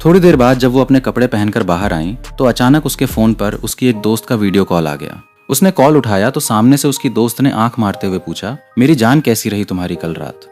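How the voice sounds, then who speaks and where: A man's voice: mid-range voice, animated, a little fast, few pauses, a little mellow, faint music behind. A man narrating a romantic comic recap in the first person, telling the story steadily and reading the quoted lines with only a light touch.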